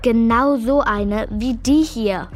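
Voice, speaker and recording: An excitable, know-it-all young girl in a children's radio play. Her earnest voice is fairly high and takes its time, with faint music behind. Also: slow pace. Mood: excited, insistent.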